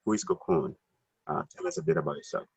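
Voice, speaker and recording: A man's voice: a bass voice, fast, gravelly, a little mellow, husky. A man hosting his first online interview over a video call, friendly and encouraging. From Africa. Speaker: interview host.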